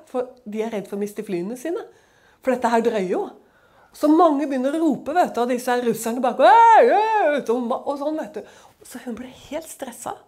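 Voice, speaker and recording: A woman with a fairly high voice gives a personal testimony at church. She tells it as a dramatic, chatty story and keeps turning to her listeners with little fillers. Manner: lively and dramatic, with many conversational fillers. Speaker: church speaker.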